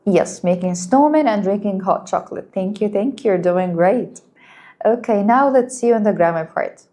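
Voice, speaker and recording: A woman whose first language is Arabic teaching an English lesson, speaking slowly and clearly and praising her students. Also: medium pitch, dark tone, a little hiss or hum. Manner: patient, encouraging, slow and clear, explains in Arabic too.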